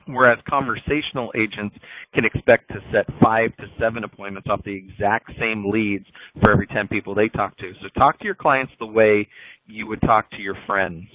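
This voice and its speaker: A man's voice: lowish voice, moderate pace, dry recording. A man giving a recorded sales training talk over slides, coaching in a direct, instructive way. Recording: dull lo-fi dry audio.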